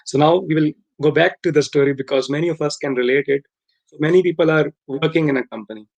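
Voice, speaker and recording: A male host leads a casual live interview in a slightly higher voice. He sounds earnest and often repeats and rephrases his questions as he talks. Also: quick pace, creaky, rough recording.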